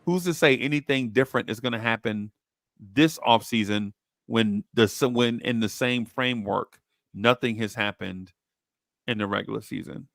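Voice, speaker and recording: A man's voice: lowish voice, normal speed, gravelly, a bit bright, dry recording, clean studio sound. A man hosting a sports talk show with casual, slangy banter, repeating phrases for emphasis.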